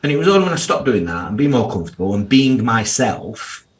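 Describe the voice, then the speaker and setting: Here a thirtysomething financial planner with a thick Yorkshire accent chats as a podcast guest, his mid-range voice very animated and fast. His manner is frank and blunt, full of slang with some cursing mixed in.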